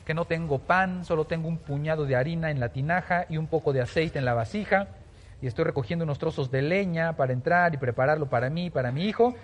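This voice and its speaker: High-voiced man teaching the Bible. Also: quick pace. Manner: explanatory, many fillers and restarts.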